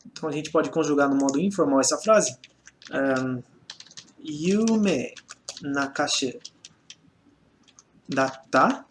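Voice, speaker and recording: Brazilian male tutor, casual online lesson, a touch high-pitched, faint typing noise. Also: slow, long pauses. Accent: Brazilian Portuguese. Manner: chatty, fills with "né?" and restarts while typing examples. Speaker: Japanese teacher.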